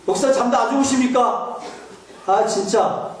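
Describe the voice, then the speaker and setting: A man's voice: very high voice, a little slow, pitched above the performer's own voice. A man acting out a churchgoer indignantly protesting a call to prayer in the middle of the night. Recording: echoey hall from far off.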